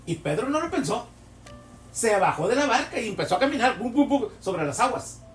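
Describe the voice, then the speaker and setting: A man's voice: extremely high pitch, big pitch swings, fairly quick. A man preaching a sermon, telling vivid stories and asking rhetorical questions. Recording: echoey hall, distant mic, soft music.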